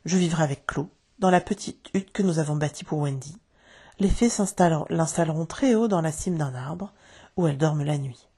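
A woman's voice: deep voice, moderate pace, warm tone, breathy edge. A woman voicing a proud boy who refuses to grow up, speaking vehemently in an audiobook. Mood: defiant. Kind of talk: audiobook character reading.

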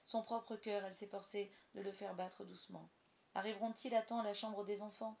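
A woman narrating a storybook aloud with expressive storytelling. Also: medium pitch, a little fast, gravelly. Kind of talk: audiobook narration.

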